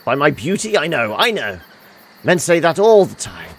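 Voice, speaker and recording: A man's voice: a little high, big pitch swings, normal speed, pitched above the performer's own voice. Man reading as a vain, teasing clever woman. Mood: smug, teasing. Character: witty, vain woman of the mind, fishing for compliments. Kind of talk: game dialogue read aloud. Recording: music behind the voice.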